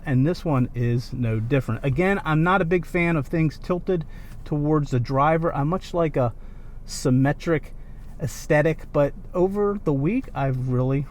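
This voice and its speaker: Higher-voiced man, casual car review. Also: a little hiss or hum. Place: in and around a car. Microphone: binaural microphones.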